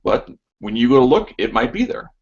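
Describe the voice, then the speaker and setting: A man's voice: mid-range voice, very animated, fairly quick, darkish tone, husky, lo-fi sound. A man hosting a casual voice chat, opinionated and prone to stammers and restarts.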